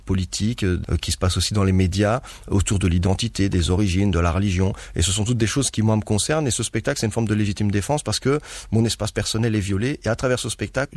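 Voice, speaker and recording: A man's voice: on the low side, creaky, darkish tone, dry recording. A young man, a stage performer raised in Guinea, speaking earnestly as a guest in a radio interview and laughing often as he tells stories.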